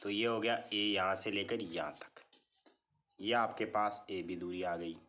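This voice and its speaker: A man with a lowish, slightly bright voice talks a little slowly as he teaches maths in a classroom style. He explains each step, repeatedly checks in with "theek hai" and similar cues, and answers the questions he puts to the class.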